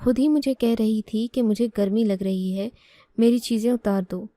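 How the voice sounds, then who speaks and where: Bossy young sister-in-law in a story, threatening and pushy, dark low tone, dry sound, read by a woman. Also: steady tone, moderate pace, no echo, natural voice. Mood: accusing. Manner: domineering, threatening. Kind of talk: storybook reading.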